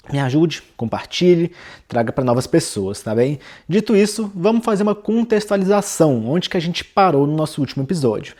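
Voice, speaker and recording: A man's voice: mid-range voice, warm tone. A young Brazilian man hosting a literature channel, talking through a novel in a casual, conversational way and often tagging his sentences with little check-ins. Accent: Brazilian Portuguese. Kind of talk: casual book-reading lesson.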